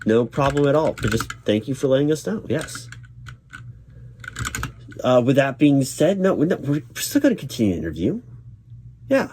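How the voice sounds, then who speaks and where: A mellow-voiced man plays a job interviewer in an improvised role-play. He is accommodating and reassuring, often stumbling and repeating a word before going on. The lo-fi recording carries light noise and computer keyboard typing behind his relaxed, medium-pitched voice. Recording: lo-fi, noisy, clacking keyboard typing.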